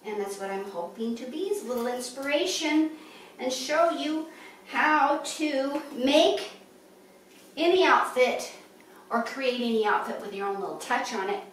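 A chatty, upbeat woman in her fifties talks through an outfit in a high voice. She is recorded in her living room from across the room, so the sound is distant and strongly echoey. A faint hiss of room ambience sits under her voice. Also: animated, a little slow. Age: 50s. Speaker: fashion vlogger. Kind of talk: casual show-and-tell.

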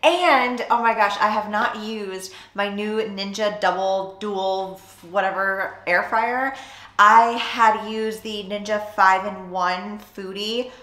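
A woman's voice: medium pitch, steady tone, slow pace, fairly bright tone. Chatty woman vlogger in an echoey kitchen. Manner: chatty and upbeat, thinking aloud. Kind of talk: casual meal-prep chat. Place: home kitchen. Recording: echoey room with faint ambience.

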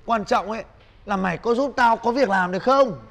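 A man playing a boastful young laborer who brags loudly. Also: high voice, fairly quick, creaky, soft background music. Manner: bragging, bossy, loud. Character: boastful broke male laborer, young adult.

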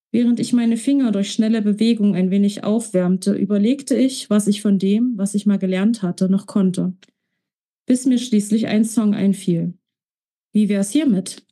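A woman author reading aloud from her own romance novel in a calm, measured storytelling voice. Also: mid-range voice. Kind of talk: audiobook-style reading.

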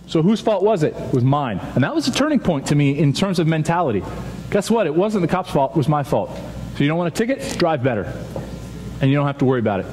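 A man in his thirties giving an animated chapel talk to students on a stage, telling stories and acting out quoted voices. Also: a little high, fast talker. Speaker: youth chapel speaker. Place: large dark auditorium with stage. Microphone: stage microphone, seen from far back. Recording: reverberant hall, faint audience noise.

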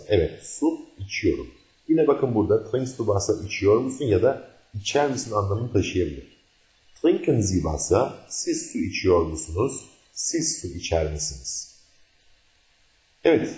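A man's voice: lowish voice, dark tone, roomy sound. A man teaching a recorded language lesson, a native Turkish speaker who explains carefully and repeats each example sentence.

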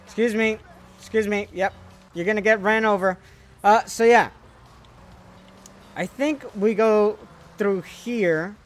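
A man giving let's play commentary, excitable and panicky, swearing a lot as he plays. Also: high-pitched, slow, pauses often, faint music behind. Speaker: gaming video host.

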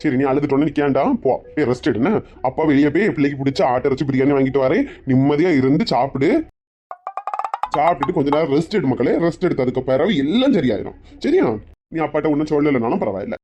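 A man's voice: a little high, fast, dark tone, highs cut off, soft background music, close to an everyday voice. A middle-aged man with a Kanyakumari Tamil accent plays a doting father in a comic family skit, coaxing his daughter and bickering with his wife. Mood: soothing.

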